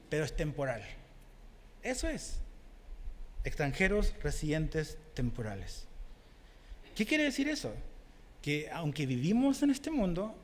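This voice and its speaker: A man's voice: high voice, in a large hall. A man preaching a sermon as pastor, earnest, often checking in with his congregation. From outside Mexico.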